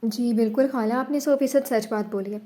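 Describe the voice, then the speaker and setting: Woman voicing young husband, teasing, insistent, mellow, fairly high. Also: steady tone, close to an everyday voice.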